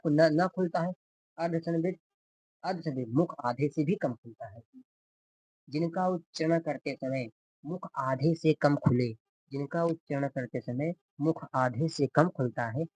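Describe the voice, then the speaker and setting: A man's voice: on the high side, darkish tone, breathy edge. A male teacher giving a grammar lecture, repeating definitions and asking the class questions before answering them himself.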